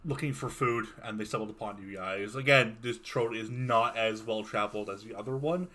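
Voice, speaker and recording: Man, game master, bright tone, chatty tabletop narration. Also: on the low side, a little fast. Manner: loose, chatty narration with fillers.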